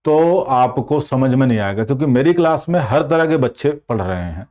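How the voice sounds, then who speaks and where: A Hindi teacher from India runs an online exam-prep class in a mid-range, darkish voice. He explains things patiently, posing questions to the class and then answering them himself.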